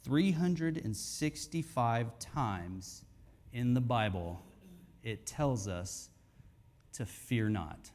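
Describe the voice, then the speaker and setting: A man preaching a sermon at a men's conference in a church hall, emphatic and swinging from hushed to near-shouting. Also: medium pitch, lively intonation, extremely slow.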